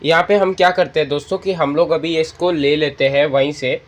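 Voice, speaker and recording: A man with a slightly high voice and fairly even intonation talks a little fast as he hosts a spoken tutorial for a screen-reader app. He walks viewers through it step by step and addresses them as friends.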